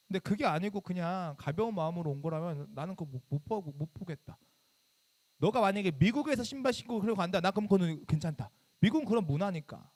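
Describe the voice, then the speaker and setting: A man in his thirties, a youth pastor giving a sermon to middle schoolers, talking conversationally and quizzing them with questions. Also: high-pitched. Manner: bursts into loud scolding when acting out his younger self.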